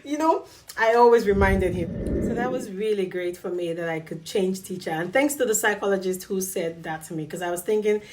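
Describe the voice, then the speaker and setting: A woman's voice: mid-range voice, fairly quick, a little mellow, far from the mic, a little hiss or hum. A woman vlogger telling a personal story in a casual, chatty way, laughing often and acting out what people said to her. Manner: chatty, laughs often, acts out quoted dialogue.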